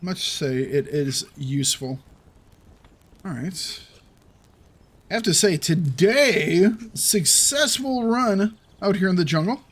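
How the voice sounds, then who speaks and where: Playful slow-talking man gaming. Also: high-pitched, lively intonation, slightly rough. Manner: playful, taunts the game's animals. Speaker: gaming video host. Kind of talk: let's play commentary.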